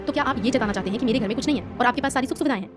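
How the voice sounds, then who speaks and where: A woman's voice: a little high, racing, over music, close to an everyday voice. A woman doing a blunt young doctor. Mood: curt. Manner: curt, dry.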